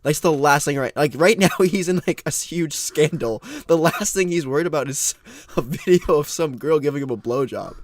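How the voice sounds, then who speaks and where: A man's voice: fairly high pitch, brisk. A young man co-hosting a casual podcast, rambling, laughing often and trailing off mid-sentence. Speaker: podcast co-host.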